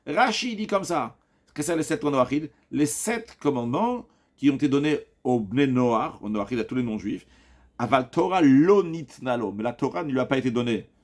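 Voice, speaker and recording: A man's voice: mid-range voice, normal speed. A man giving a Talmud class, walking through the reasoning point by point. His voice rises and falls widely, leaping up on questions. He often restarts a phrase mid-sentence. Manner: explanatory, lively rising questions, frequent restarts. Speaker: Talmud teacher. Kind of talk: Talmud lesson.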